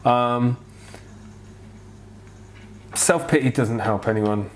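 A man's voice: mid-range voice, drawn-out words, slight background noise. Wheezy man, casual and out of breath. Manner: informal, rambling, frank. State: out of breath, unwell. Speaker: vlogger answering viewer questions. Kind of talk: casual chat, answering questions. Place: home kitchen, indoors. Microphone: clip-on lapel mic.

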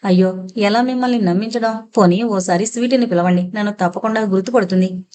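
A frantic young father in a suspense audio novel, voiced by a woman. He speaks with urgency and pleading. The pitch sits in a middle range. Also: a little fast, a little mellow, lightly acted. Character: desperate young father searching for his daughter.

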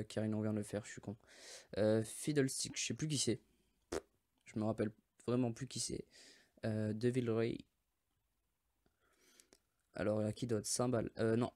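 A man's voice: on the low side, warm tone. A French man casually presenting mobile game characters, rambling with many hesitations and often forgetting names. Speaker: mobile game video host.

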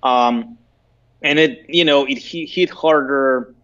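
A man in his thirties with a Belarusian accent, telling stories casually and haltingly as an interview guest. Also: medium pitch, a bit bright. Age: 30s. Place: indoor room, video call. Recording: dull lo-fi video-call audio.

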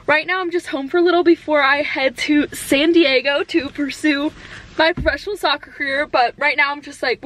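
Nervous high-voiced young woman vlogging. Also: a bit bright. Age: 20s. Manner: nervous, giggly, rambling with many likes. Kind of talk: casual vlog chat. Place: in her car. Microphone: camera held in hand.

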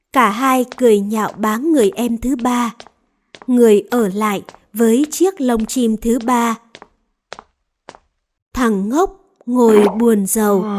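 A woman reading a scripted Vietnamese folktale for children in a measured storybook manner. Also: a little high, a little mellow. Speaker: storyteller narrator. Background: background music.

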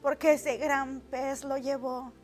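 A woman's voice: high-pitched, level tone, slow, a little mellow, soft background music. A woman pastor preaching a sermon in an impassioned, pleading way.

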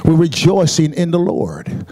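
Man, pastor, sermon, mellow warm voice, calls out to the church. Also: fairly high pitch, big pitch swings, a little slow. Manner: preaching with call-and-response asides; repeats words and restarts often.

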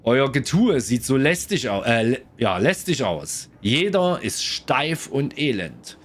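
A man's voice: mid-range voice, big pitch swings, slow pace. A man voicing a lazy, gluttonous forest creature in a game's lore story, sleepy and unbothered.

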